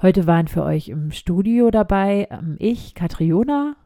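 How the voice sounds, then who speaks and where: A woman hosting a community radio show, relaxed as she sums up the episode in the studio. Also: medium pitch, unhurried, no room sound. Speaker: radio host.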